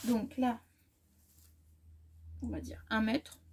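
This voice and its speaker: Woman sewing vlogger, high and husky-soft, casual rambling haul chat. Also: fairly even intonation, takes it slowly. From France. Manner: chatty, rambling, self-correcting, often trailing off softly.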